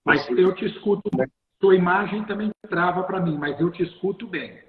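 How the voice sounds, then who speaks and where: Man, host, effusive, halting, live interview, echoey room, long reverb. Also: high voice, narrow, tinny audio. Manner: effusive, halting, many restarts. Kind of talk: live video-call interview. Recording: roomy, echoey sound.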